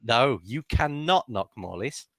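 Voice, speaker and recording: London male co-host, animated and bright, dry close-mic sound, joking banter. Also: mid-range voice, measured pace, no echo. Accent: London English. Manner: laughs often, teasing banter. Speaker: podcast co-host. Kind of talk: casual chat.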